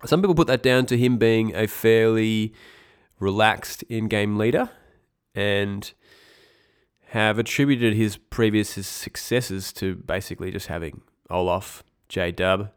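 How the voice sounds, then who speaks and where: Congested from a cold, a young male host rambles through a casual esports news podcast, correcting himself and tossing in wry asides. He speaks a little slowly, with a fairly low pitch and a clear, resonant tone.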